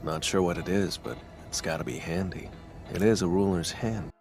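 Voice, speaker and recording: A young anime hunter whose speech is a flat, edgy monotone. The voice sits very low and stays quiet and detached, in the cool, unbothered manner of a dubbed anime lead. Faint music plays underneath. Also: male voice, normal speed. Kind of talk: anime dub clip.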